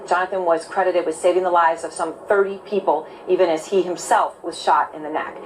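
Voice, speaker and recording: A woman news anchor introducing an interview guest, measured and earnest. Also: fairly low pitch, steady tone, faint music behind, rough recording. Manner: measured, earnest broadcast delivery.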